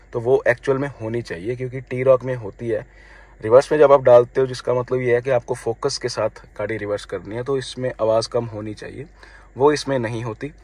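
A man in his thirties with a slightly hoarse throat, giving a casual spoken review of his new car from inside it and talking to viewers as friends. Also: mid-range voice, no echo. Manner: chatty, mixes English phrases into his talk, addresses viewers as friends.

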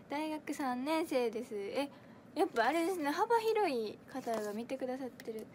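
Kansai girl in her 20s livestreaming, high little voice, giggly and chatty, reads out comments. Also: expressive, measured pace, a little mellow, a little hiss or hum. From Kansai, Japan. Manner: chatty and giggly, many fillers, answers comments as she reads them. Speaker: idol audition livestreamer. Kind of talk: casual livestream chat reading viewer comments.

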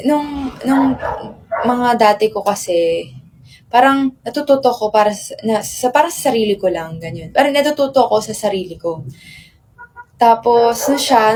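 A young Filipino woman on a live stream, telling long rambling stories to her fans. Her voice sits a little high, and her sentences drift between Tagalog and English, padded with fillers. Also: a little mellow, a little hiss or hum. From Philippines. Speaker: athlete chatting with fans. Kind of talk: casual live-stream chat.

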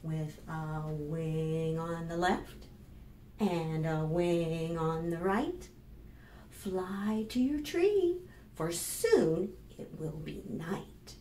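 A children's librarian in her fifties with an American accent hosts storytime, doing read-alouds and rhymes for preschoolers in a low, extremely slow voice. She is expressive and instructive, putting questions to the young children. The small, plain indoor room gives a roomy echo, and background noise is clearly audible.

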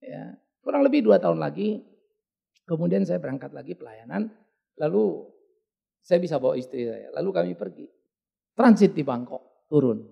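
A middle-aged male pastor preaching with a rough, gravelly edge and a husky voice. His pitch leaps up and down wildly as he tells stories, slipping into casual slang and English words. He drops to quiet asides, then bursts out loud. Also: moderate pace, pauses often, dull audio. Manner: animated, colloquial, mixing in English words; dramatic swings between quiet asides and loud outbursts. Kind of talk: storytelling sermon. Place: church service.

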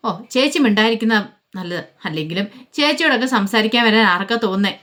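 A woman's voice: mid-range voice, lively intonation, fast talker, bright, forceful tone. A woman voicing a snide young woman, an older sister who talks in a mocking way.

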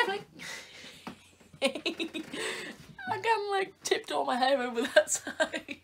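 A woman's voice: medium pitch, a bit bright. A woman vlogging in a playful, teasing, chatty way, cooing sing-song sounds between remarks. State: short of breath near the end. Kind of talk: casual chatty vlog.

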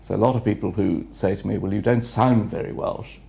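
Recorded on a lapel mic in an office room with a city view window, an older retired headmaster from England answers interview questions in a measured, reflective way, pausing often. His voice is lowish, steady and mellow, with vocal fry.

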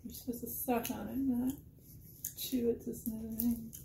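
A woman's voice: on the high side, flat delivery, moderate pace, vocal fry. A woman vlogger chatting candidly through a casual snack taste test at home. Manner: chatty, candid running commentary. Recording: echoey room with background noise.

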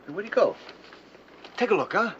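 An actor playing an easygoing adult male diver in a 1960s TV drama, wry and relaxed. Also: high voice, fairly quick, a little hiss or hum. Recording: dull lo-fi 1960s TV soundtrack.

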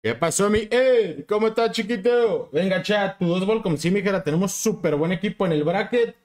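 A man's voice: sits high, expressive, moderate pace. A young man with a Mexican accent, streaming a game and chatting with viewers in a hyped, slangy way. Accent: Mexican Spanish. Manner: hyped, slangy, keeps urging chat. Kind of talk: casual livestream chat with viewers.

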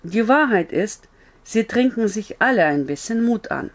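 A woman's voice: fairly high pitch, animated, moderate pace, voice pushed up, close to an everyday voice. A woman voicing a frank young woman. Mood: earnest. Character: frank young woman, blunt but comforting.

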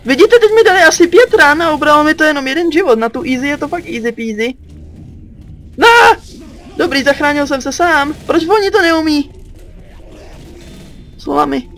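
A man's voice: extremely high pitch, fairly bright tone, a little hiss or hum. A teenage boy from Czechia giving let's play commentary, jumpy, yelping and cursing at enemies. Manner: jumpy, yelps and curses at enemies. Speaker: gaming channel host.

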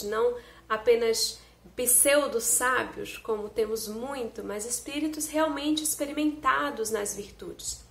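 A young woman gives an earnest spiritist talk straight to her viewers, her voice sitting a little high. She is recorded close on a phone in a room at home, with a noticeable roomy echo around her words. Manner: earnest, explanatory, speaks directly to viewers. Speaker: spiritist lecturer. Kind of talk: online spiritist lecture. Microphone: phone camera close up.

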